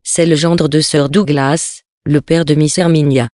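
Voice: mid-range voice, steady tone, measured pace, a little mellow, no echo, clean studio sound, natural voice. Reader voicing a polite office clerk. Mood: matter-of-fact.

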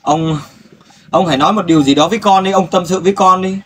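A man's voice: sits high, quick pace, a little hiss or hum. A man interviewing an elderly father and appealing to viewers for help, speaking in a compassionate, soothing way. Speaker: interviewer for a volunteer search team.

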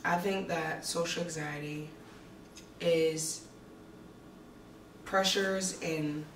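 A twenty-one-year-old woman with a very low voice feels her way through each answer and restarts her sentences. She sounds distant in a reverberant room. Soft music sits underneath. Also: fairly even intonation, extremely slow, a little hiss or hum. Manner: searching for words, restarts. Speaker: interviewee, former cheerleader. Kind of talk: casual interview answer. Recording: roomy and distant.

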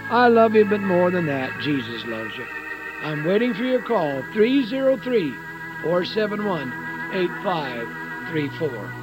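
A man's voice: high voice, big pitch swings, unhurried, over loud music. Earnest pleading radio evangelist, a man. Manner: earnest pleading preacher, urging listeners. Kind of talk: radio sermon with testimony. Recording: dull lo-fi radio broadcast.

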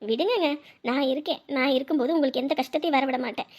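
A steady, comforting young wife, played by a woman in a serial drama. Her very high voice reassures with a firm edge. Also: rapid-fire, close to an everyday voice. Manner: reassuring, scolding at times. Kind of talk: TV serial acting.

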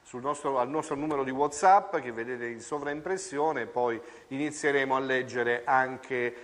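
A man's voice: medium pitch, moderate pace, fairly bright tone. A man in his fifties presenting a live sports talk show as host. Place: indoor TV studio. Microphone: lapel. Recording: reverberant TV studio hall.

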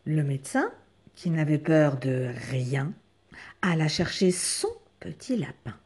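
A woman reading a children's picture book aloud in an expressive, unhurried way. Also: deep voice, slightly rough. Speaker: storyteller.

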